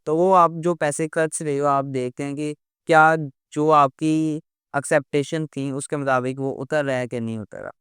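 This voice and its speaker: Man lecturing, crisp dry voice. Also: medium pitch, fairly bright tone, no room sound. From Pakistan. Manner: frequent "uh" fillers and restarts, mixing in English terms. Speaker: teacher.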